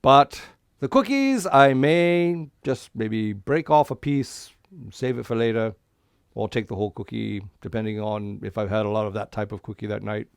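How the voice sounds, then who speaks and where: A man playing a friendly Santa Claus, talking to children like a party magician with showy patter and a gravelly voice. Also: lowish voice, no room sound, clean studio sound. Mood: genial, chatty. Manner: kids' party magician patter, drawn-out showy counting and reveals. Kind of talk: interactive children's visit over the internet.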